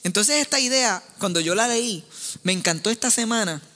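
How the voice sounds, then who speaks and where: A man preaching a sermon as pastor, an animated, joking storyteller who acts out his family members. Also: high voice, normal speed, in a large hall.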